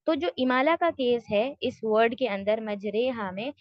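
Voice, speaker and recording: Higher-voiced woman teaching an online class. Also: no room sound, highs cut off. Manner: explains step by step, often checks understanding; mixes English words into her speech. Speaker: tajweed teacher.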